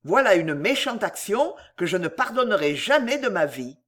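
A reader voicing a proud man poet who declaims with booming indignation. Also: big pitch swings, normal speed. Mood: raging indignation.

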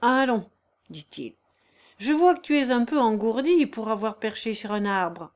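A woman voicing a stern, sardonic middle-aged male mill owner who barks orders in a louder, raised voice. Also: on the high side, expressive, unhurried. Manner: commanding, sharp, loud.

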